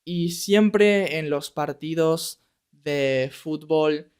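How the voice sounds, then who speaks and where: A man's voice: on the high side, darkish tone, clear, resonant tone. A young man from Argentina teaching Spanish in a podcast, speaking in a neutral accent and checking in with listeners as he goes. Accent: neutral Latin American Spanish. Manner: speaks slowly and deliberately, checks in with "¿ok?". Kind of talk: podcast lesson, slow clear speech for learners.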